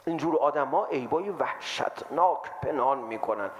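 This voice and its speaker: A man giving a lively sermon to an audience, acting out the voices of people he quotes. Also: mid-range voice. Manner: animated, acts out quoted voices. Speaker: religious lecturer.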